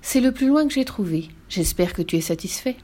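A woman's voice: mid-range voice, lively intonation, fairly quick, dark tone, natural voice. A woman voicing a smug magical genie in a children's story, drawing out his words grandly and sighing. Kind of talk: storybook voice acting.

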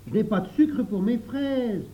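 A man's voice: high voice, measured pace, dull audio, pitched above the performer's own voice. A man voicing a whiny little boy in a storybook who drags out his demands. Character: whiny, greedy small boy.

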